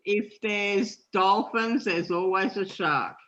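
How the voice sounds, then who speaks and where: Female co-host, slow and dry, on a muffled lo-fi mic. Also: mid-range voice, a bit bright. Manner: dry, teasing remarks. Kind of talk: casual comedy chat.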